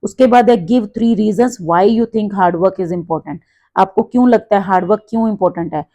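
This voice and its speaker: A young woman teaching an English lesson, explaining in Hindi mixed with English and reading the English lines out slowly. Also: mid-range voice, mellow. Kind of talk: online class lesson.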